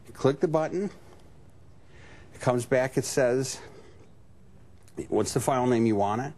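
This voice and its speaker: A man's voice: medium pitch, a little slow, a little mellow. A man presenting on a home shopping show, explaining a product step by step in loose, conversational talk peppered with "you know". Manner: explanatory, conversational, frequent 'you know'. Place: TV shopping studio. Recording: noticeable background noise.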